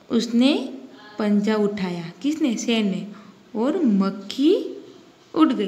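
A woman teaching a young class, slowly asking questions and repeating the answers. Her voice sits a little high. The room is echoey, with a faint hiss behind. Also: darkish tone. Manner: repeats questions to the children, explains step by step. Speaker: Hindi teacher. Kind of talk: online class lesson.

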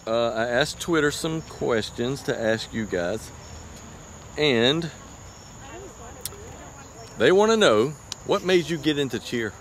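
A man's voice: medium pitch, expressive, slow pace, pauses often. Man interviewer, casual and playful, outdoor mic with insect hiss behind. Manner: chatty, playful, laughs easily. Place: outdoors by railroad tracks. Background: crickets and insects.

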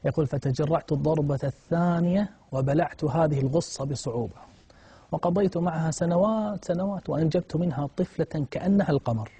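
A man's voice: a little high, brisk, warm tone, slightly rough. A man preaching a moral sermon, telling a story in a dramatic, impassioned way that swells at emotional moments.

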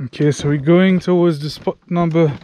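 Guy doing a chatty travel vlog outside, voice a bit high, faint noise around him. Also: steady tone, normal speed, mellow. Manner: informal, chatty, occasional swearing. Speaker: travel vlogger. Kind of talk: casual vlog commentary. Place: outdoors on forest walking paths. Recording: outdoor ambience noise.

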